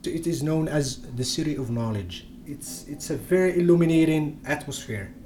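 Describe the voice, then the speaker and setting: This young man from Morocco speaks English in a conversational interview, though Tamazight Berber is his first language. His voice is a little high and mellow, moving at normal speed, and he stumbles with frequent fillers and false starts. A faint hiss or hum runs underneath.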